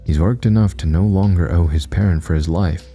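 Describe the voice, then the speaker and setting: A man narrating a horror story in a slow, steady, measured reading. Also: low voice. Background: soft music.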